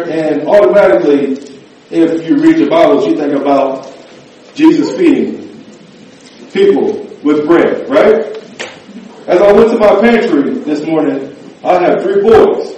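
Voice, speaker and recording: A man's voice: a little high, a little slow, long pauses, dark tone, a little hiss or hum. A man preaching a sermon, joking with the congregation and often asking them to answer "amen" and "right". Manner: call-and-response, often asks "amen?" and "right?". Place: church. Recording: echoey church hall, mic at a distance.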